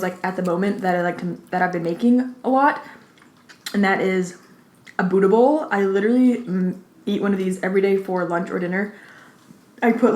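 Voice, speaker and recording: A woman hosting a mukbang, chatting informally with lots of "like", pausing to take bites and chew, slightly out of breath. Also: medium pitch, a little mellow. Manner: informal, peppered with "like". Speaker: mukbang host. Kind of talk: casual chat while eating. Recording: roomy, echoey indoor sound.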